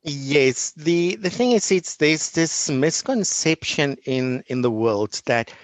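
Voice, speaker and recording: Energetic man, very animated. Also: a little high, takes it slowly, no echo. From South Africa. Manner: energetic, animated storyteller acting out classroom dialogue. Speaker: online English teacher and guest. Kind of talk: casual interview chat.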